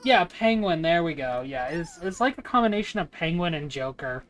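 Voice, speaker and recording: A woman's voice: fairly low pitch, lively intonation, moderate pace. A woman streaming a game with casual, gushing, amused reaction commentary. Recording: game music behind the voice.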